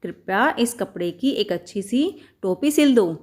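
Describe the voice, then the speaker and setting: A woman voicing a cheeky, stubborn little male mouse in a children's storybook reading, making loud demands and chanting singsong threats. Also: medium pitch, expressive, unhurried. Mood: polite.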